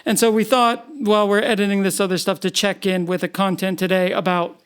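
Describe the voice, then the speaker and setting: A man co-hosting a casual podcast in a dry, halting way, often restarting his sentences. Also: high-pitched, flat delivery, fairly bright tone, clean tone. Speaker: podcast co-host.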